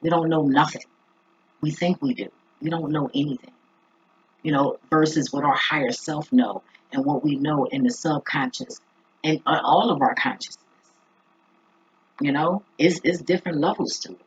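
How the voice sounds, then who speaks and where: A vlogger with a husky voice talking casually and reflectively to viewers, halting and thinking aloud. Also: mid-range voice. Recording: dull lo-fi recording.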